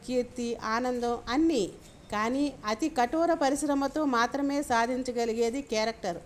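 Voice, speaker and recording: Brief: woman voicing idealistic young hero, lecturing, high voice. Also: close to an everyday voice. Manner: earnest, lecturing. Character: idealistic young man, earnest and preachy.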